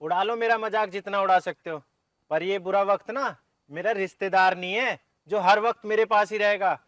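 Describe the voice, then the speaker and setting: Give me a heartfelt young villager with a slightly high voice. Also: male voice, fairly even intonation, moderate pace, fairly bright tone. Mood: defiant. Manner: earnest, heartfelt. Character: reformed young village man, earnest and devoted. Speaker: headman's son, laborer. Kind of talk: rural comedy film acting.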